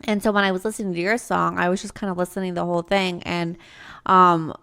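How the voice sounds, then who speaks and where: A woman's voice: fairly low pitch, flat delivery, fast talker, sharp tone, clear, resonant tone. A young adult woman co-hosting a podcast in casual chat, laughing often and filling with "like". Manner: laughs often, many "like" fillers. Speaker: podcast co-host.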